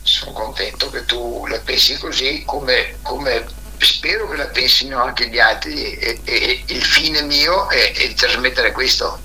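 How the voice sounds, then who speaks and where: A man calling in over speakerphone who reads his own poems slowly and gently. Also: medium pitch, rough recording. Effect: caller heard over speakerphone.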